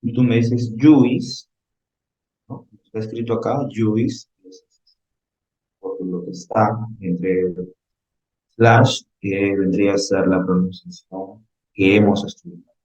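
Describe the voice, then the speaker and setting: A man reviews English vocabulary with a class in Spanish, patient and frequently checking in with "ok?". His voice sits low with little pitch movement, a measured pace, and a slightly mellow tone, heard in a roomy, somewhat dull recording.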